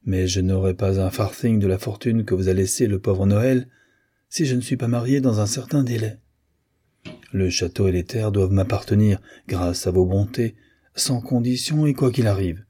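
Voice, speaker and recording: A resigned young nephew, read by a man narrating an audiobook, speaking politely with a dry, ironic restraint. The voice is low, dark and husky. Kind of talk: audiobook character reading.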